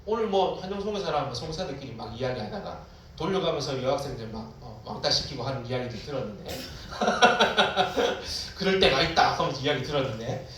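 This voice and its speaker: A man's voice: mid-range voice, animated, brisk, fairly bright tone, distant mic, a little hiss or hum. Echoey preacher man calling out to students. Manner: preaching to students, mixes casual and formal speech, cries out prayers dramatically. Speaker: pastor. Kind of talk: sermon.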